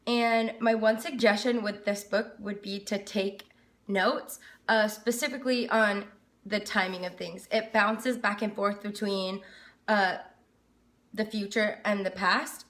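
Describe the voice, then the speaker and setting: This video host reviews books in a loose, chatty manner straight to camera, drifting a little as she goes. She speaks at a medium pitch with a bit of brightness, and the room gives off an echo.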